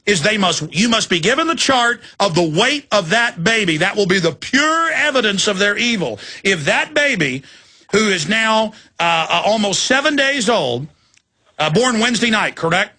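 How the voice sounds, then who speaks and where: A man's voice: sits high, very animated, moderate pace, pushed and bright. A man hosting a live radio show, giving a caller urgent, insistent advice and often stammering over repeated words into a studio microphone. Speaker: radio host.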